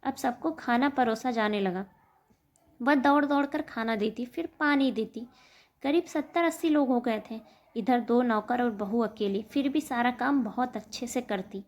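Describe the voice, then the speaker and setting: A woman narrating an emotional family story in a steady storytelling manner. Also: fairly high pitch, a little slow.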